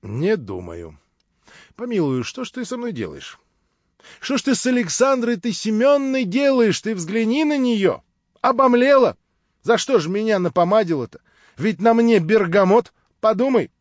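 A man's voice: sits high, very animated, normal speed, no room sound, pitched above the performer's own voice. A man voicing a jovial, roguish old friend who banters and teases. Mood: teasing. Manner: bantering, teasing. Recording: dull, dry recording.

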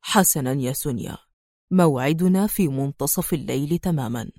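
A woman's voice: fairly high pitch, brisk, no echo, clean studio sound, close to an everyday voice. A woman voicing a steely male secret agent in an audiobook, speaking in a stern, clipped, icy way. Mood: stern, cold. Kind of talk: audiobook character voice.

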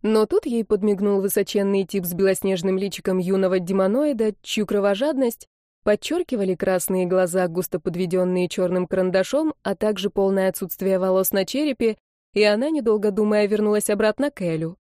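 A woman narrating a young-adult novel in a lively, expressive way. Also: medium pitch, a little fast, no echo, studio quality. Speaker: audiobook reader.

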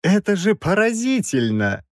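A man voicing a whiny, fussy old male professor with a shrill, squealing voice in an audiobook. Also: sing-song, normal speed, no echo, clean studio sound. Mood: excited, shrill. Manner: pleading, fussy, indignant. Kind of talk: audiobook character voice.

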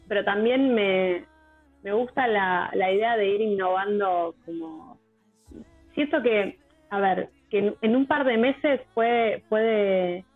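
A woman in her thirties with an Argentine accent, a musician guest talking in a relaxed, hesitant way with many fillers. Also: mid-range voice, takes it slowly, no room sound. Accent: Argentine Rioplatense. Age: 30s. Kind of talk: casual radio interview. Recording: tinny phone line with music bed.

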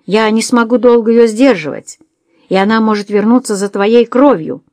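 Cynical smooth swindler guy, read by a woman, slow coaxing drawl, dry close sound. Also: on the high side, mellow, no echo, lightly acted. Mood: mocking. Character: cool cynical male swindler, smooth talker.

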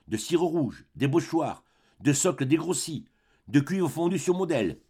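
In a mid-range voice, a male audiobook reader reads a classic novel aloud in a measured, expressive way.

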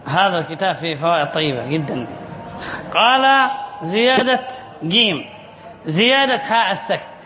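Man, sheikh, classroom lesson, repeats words, quizzes students, high-pitched, lo-fi, reverberant hall. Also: slight background noise. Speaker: sheikh teaching Arabic spelling rules. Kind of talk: classroom lesson reading and explaining a text. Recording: echoey hall, dull lo-fi sound.

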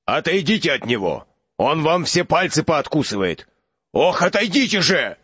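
A man voicing a gruff, touchy half-giant gamekeeper in an audiobook, grumbling his lines. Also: on the high side, sing-song, moderate pace, a bit bright, dry recording, dull audio, heavily acted. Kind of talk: audiobook character voice.

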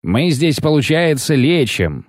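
A man voicing a cold, menacing male elf who speaks slowly, drawing out his words ominously. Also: a little high, very animated, no room sound, studio quality, voice pushed up.

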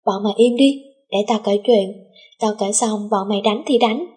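A woman voicing a cheeky teenage boy who rambles through a pointless joke, with a breathy voice. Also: medium pitch, normal speed, dark tone, close to an everyday voice. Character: cheeky teen boy joker.

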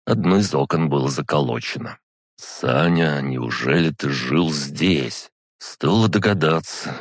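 A man narrating a first-person audiobook in a measured, dry storytelling manner. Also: rumbling low, creaky, breathy edge, no room sound.

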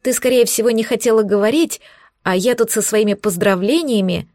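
Женщина читает взволнованную молодую девушку. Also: female voice, a little high, a little fast, a little mellow, no echo, studio quality, natural voice. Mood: friendly. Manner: friendly, then tearful. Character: young woman, demon's mate, emotional.

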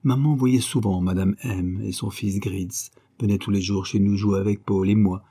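A man narrating a literary diary as an audiobook reader, in a measured, expressive reading. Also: fairly low pitch, husky.

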